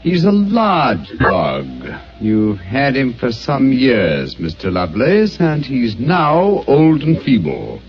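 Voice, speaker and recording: An actor playing Sherlock Holmes, a brilliant male detective, who explains his deductions in a precise, deliberate way, on an old radio recording. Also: medium pitch, wildly swooping pitch, heavily acted. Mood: deducing. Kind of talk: vintage radio acting. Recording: dull old radio recording, faint hiss.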